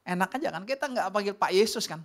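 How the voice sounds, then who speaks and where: Animated preacher. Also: male voice, sits high, fast. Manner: animated preaching, swinging from loud calls to soft near-whispers. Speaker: pastor. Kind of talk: sermon. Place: church sanctuary.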